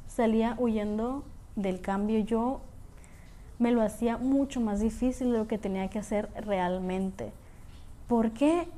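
A woman's voice: a little high, dark tone. A woman with a Mexican accent hosting a podcast, talking through an unplanned, slang-filled rant monologue with many fillers and repetitions. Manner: casual, slangy, repeats herself, many fillers. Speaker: podcast host. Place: home garage.

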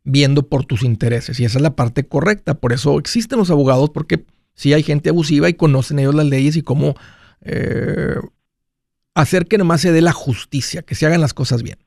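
A man's voice: a little high, a little fast, creaky, a little mellow, no room sound, clean studio sound. A man hosting a call-in advice show, talking conversationally and explaining by rephrasing and repeating his points. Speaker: call-in show host and financial adviser.

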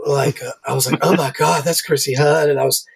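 A man, a guest musician, rambling through an animated anecdote in casual conversation. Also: on the high side, a little fast, vocal fry, husky.

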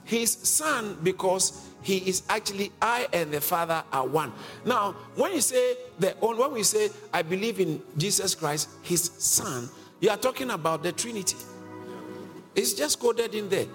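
A man's voice: high-pitched, expressive, moderate pace, fairly bright tone. A man preaching a sermon that teaches from scripture, emphatic and questioning, with frequent chuckles. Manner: emphatic, asks the congregation questions, chuckles often. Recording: reverberant hall with faint music.

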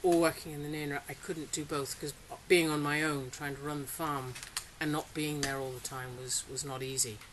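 A woman's voice: low-pitched, little pitch movement, moderate pace, hardly any pauses. A middle-aged woman who grew up in Singapore, talking casually about her farm in an interview with frequent fillers and laughter. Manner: chatty, laughs often, hesitant with fillers. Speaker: interviewee, farmer. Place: polytunnel on a farm. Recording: faint hiss, rain on tunnel.

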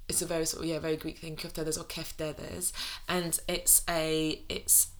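A British woman chatting informally as an interview guest, with a soft R that sounds close to a w. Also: deep voice, monotone, a little fast. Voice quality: soft R, says w for r. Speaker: cookbook author interviewed as guest. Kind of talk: casual conversational interview.

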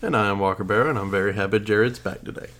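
A man's voice: fairly low pitch, rapid-fire, fairly bright tone. A man chatting casually as co-host of a sports podcast, in loose conversational banter.

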